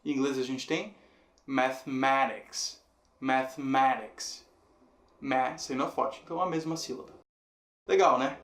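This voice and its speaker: Guy teaching, patient and clear, kinda high voice, echoey room. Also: a bit bright. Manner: patient, explanatory, slows down to model pronunciation. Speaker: English teacher. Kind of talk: video lesson. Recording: roomy echo.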